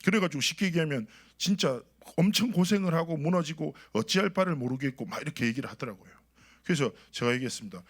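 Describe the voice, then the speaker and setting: Animated male preacher with lively pitch. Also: fast talker, slightly rough. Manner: animated preaching with rhetorical questions and anecdotes. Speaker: associate pastor. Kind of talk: sermon.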